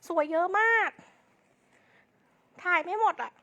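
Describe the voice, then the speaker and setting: A woman doing fast hype live selling as an online clothing seller, with insistent, repetitive sales patter. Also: bright, forceful tone, lo-fi sound.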